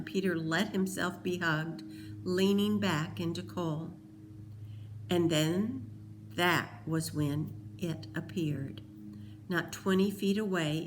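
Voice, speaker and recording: A woman reading a novel aloud, in a slow, deliberate storytelling manner. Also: fairly low pitch, gravelly, low-quality recording. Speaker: audiobook reader.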